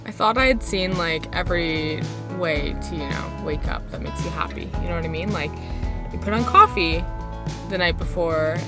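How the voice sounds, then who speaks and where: A woman's voice: fairly low pitch, normal speed, loud music behind the voice. A young woman from Canada chatting casually while driving in a van, bubbly and rambling with lots of fillers. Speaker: van life vlogger. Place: inside a moving van.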